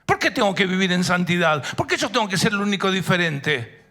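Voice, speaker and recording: A complaining man pleads in a run of questions, his voice pushed high and bright, as a preacher acts him out. He sounds petulant and insistent, as if he wants to be let off. It is a sermon retelling, not a drama. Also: big pitch swings, fairly quick, exaggerated voice. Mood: whiny. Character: whining man begging to live like everyone.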